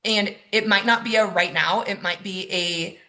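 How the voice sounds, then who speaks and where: A woman presenting a webinar over slides, talking casually and sprinkling in ums and likes. Her voice is bright and forward, and her pitch sits in a middle range. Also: moderate pace. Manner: casual, chatty delivery with frequent ums and likes. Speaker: mortgage lender and house hacker presenting a webinar.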